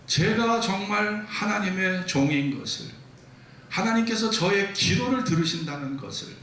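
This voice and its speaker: A man acting out a desperate male prophet praying to God, in a raised, drawn-out pleading voice, heard in an echoey church hall. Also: high-pitched, expressive, bright, forceful tone, recorded from a distance, slight background noise, voice pushed up, heavily acted. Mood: fervent pleading.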